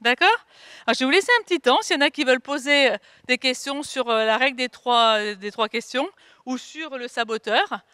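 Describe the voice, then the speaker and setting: A woman leading an online workshop as a wellness coach, asking lively rhetorical questions and checking in with her listeners. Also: high voice, brisk, smooth, no room sound. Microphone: video call.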